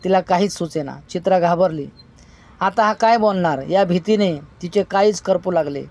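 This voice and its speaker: Woman reading a story aloud, steady. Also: fairly low pitch, normal speed. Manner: steady, with small slips and restarts. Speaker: narrator.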